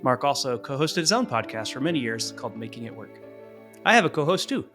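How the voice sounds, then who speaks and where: A man's voice: medium pitch, very animated, fairly quick, music in the background. A man hosting a podcast, reading an earnest, reflective introduction and then interviewing his guest. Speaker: podcast host.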